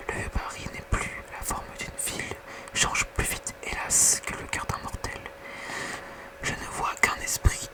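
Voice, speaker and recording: A very quiet, night-time whisper reading poetry softly in an ASMR bedtime style. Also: rough recording. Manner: hushed bedtime reading with casual whispered asides. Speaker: ASMR reader.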